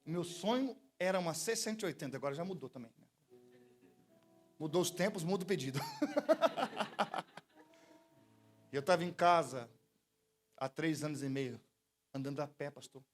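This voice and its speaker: Brazilian pastor man preaching, tells funny stories, slightly high voice, soft music under it. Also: moderate pace, long pauses. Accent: Brazilian Portuguese. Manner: lively storytelling with jokes and call-and-response. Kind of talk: sermon. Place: church service.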